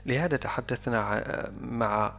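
A man's voice: medium pitch, measured pace, fairly bright tone, big-room sound, muffled recording. A man teaching English vocabulary, explaining each word in short, repeated steps. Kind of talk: explanatory language lesson.

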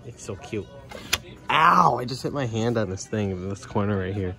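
A young man filming a casual vlog while walking through a large store, playful and excitable. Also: fairly low pitch, normal speed, gravelly, over music. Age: young adult. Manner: playful, excitable, laughs often. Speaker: vlogger. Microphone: handheld phone camera.

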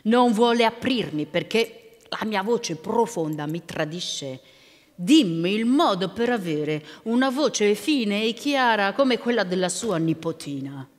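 A woman voicing a wicked, hungry male ogre with a deep, growling voice, told in a live storytelling show. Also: animated, measured pace, lightly acted. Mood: scheming. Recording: long reverb of a stone hall.

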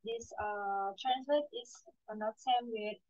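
A young woman student with an Indonesian accent answers speaking-test questions through a headset on a video call. She is hesitant, full of fillers and repeated words, speaking slowly in a slightly high, darkish voice. The audio is dry and phone-like.

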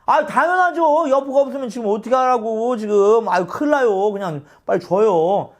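A man's voice: very high-pitched, moderate pace, voice pushed up. A man playing a scheming male adviser who coaxes and scolds his lord in exasperation. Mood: coaxing. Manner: coaxing, exasperated.

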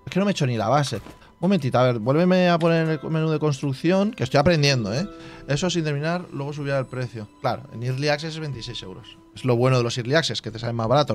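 Chatty man thinking aloud over a game. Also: mid-range voice. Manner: thinks aloud, reading game menus half to himself; chatty asides to viewers with filler tags like "tío". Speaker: gaming channel host. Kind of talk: casual let's play commentary.

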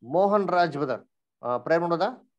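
A man's voice: a little high, expressive, brisk, lo-fi sound. A man teaching an online Bible study class, quizzing the group and mixing English words into his speech.

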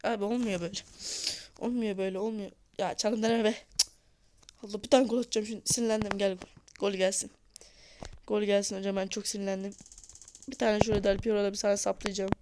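A woman giving casual gameplay commentary on a mobile football match, excitable and scolding her players, her voice sounding a little hoarse. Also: medium pitch, fast, pauses often, slight background noise.

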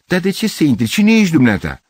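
An older man voicing a gruff neighbor woken at night, hoarse and shouting. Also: on the high side, huge pitch swings, no echo, pitched above the performer's own voice. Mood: irritated.

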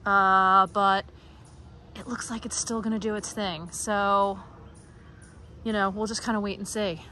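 A middle-aged American woman, a garden blogger, gives a casual, enthusiastic walking tour of her backyard garden, chatting with frequent fillers and small laughs. Her medium-pitched voice has a sharp tone, fairly even intonation and a slightly slow pace. It was recorded outdoors on a phone, with slight background noise.

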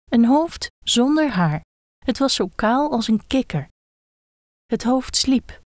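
A woman calmly reading a children's book aloud. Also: medium pitch, no room sound, clean studio sound. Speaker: reader.

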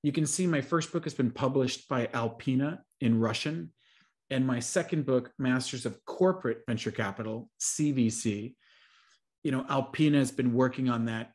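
A venture capital investor in his forties speaks fluently on a video call from a room at home with bookshelves, giving a webinar presentation and answering Q&A. His voice is mid-range and a little mellow, at a moderate pace.

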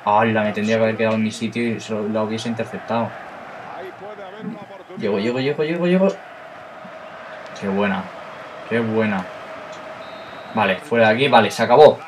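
A young man with a Spain Spanish accent commenting live on his own football video game match, talking to his viewers and bursting into high shouts at goals and chances. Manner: talks to viewers as "chicos" between plays. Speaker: gaming YouTuber.

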